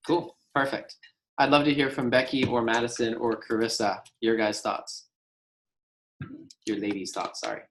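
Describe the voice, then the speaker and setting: A man's voice: medium pitch, steady tone, normal speed, long pauses, a bit bright, slight background noise. A man leading a group sales training, trading jokes and sarcasm with the group before giving upbeat instruction. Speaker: sales team leader running a training.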